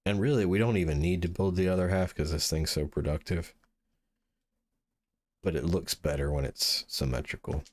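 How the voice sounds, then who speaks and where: A man hosting a gaming channel, musing through relaxed gameplay commentary and sounding sleepy. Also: sits low, moderate pace, no echo, clean studio sound. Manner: mellow, musing, thinks aloud with restarts. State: sleepy, yawning.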